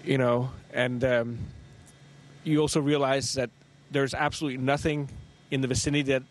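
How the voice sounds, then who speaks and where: A middle-aged man speaks as an astronaut in an interview. His mid-pitched voice is reflective and measured, halting often between phrases. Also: flat delivery. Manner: measured, halting with long pauses. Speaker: astronaut, station commander. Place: inside a space station module. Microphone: handheld microphone.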